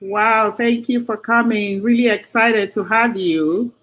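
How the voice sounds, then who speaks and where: Slow, effusive woman hosting a livestream. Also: a little high, fairly even intonation, a bit bright. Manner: effusive, greets viewers by name. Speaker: livestream host. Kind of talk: casual livestream greeting.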